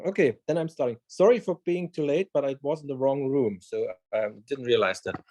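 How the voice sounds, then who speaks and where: A man's voice: medium pitch, brisk, a little mellow, no echo. A man from Germany, a 3D printing trainer, introducing himself on a video call in a chatty way. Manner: chatty, laughs often.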